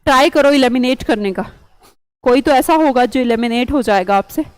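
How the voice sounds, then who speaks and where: A high-pitched woman runs an online vocabulary lesson. She coaxes and chats, quizzing her students with memory tricks. The sound is dry and close, with no room around it. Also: normal speed, no echo, poor audio. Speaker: English vocabulary teacher.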